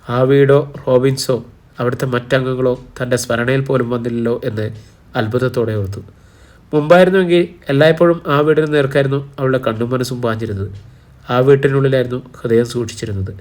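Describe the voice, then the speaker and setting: A man narrating a romantic audiobook story in a measured, even reading. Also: mid-range voice.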